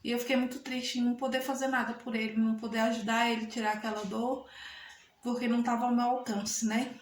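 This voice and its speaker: A woman's voice: fairly high pitch, level tone, fast, slight background noise. Chatty mineira woman in an echoey room. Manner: chatty, addresses viewers often as "gente", religious phrasing. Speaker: vlogger. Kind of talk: casual heartfelt talk to camera. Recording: echoey room with faint ambience.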